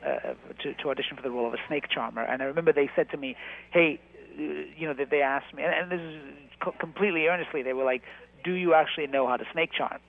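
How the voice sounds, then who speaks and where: A man, an actor and writer, talking as a guest in a casual radio interview, halting, with many restarts and fillers. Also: fairly high pitch, creaky. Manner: halting, many restarts and fillers, animated when telling stories. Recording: tinny phone-like radio line.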